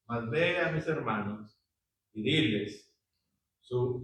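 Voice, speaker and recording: A man's voice: medium pitch, fairly bright tone, a little hiss or hum. A man teaching a Bible study, reading scripture aloud and asking his listeners questions, with frequent tag questions. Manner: conversational, asks the group questions, frequent tag questions. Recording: echoey room, voice from a distance.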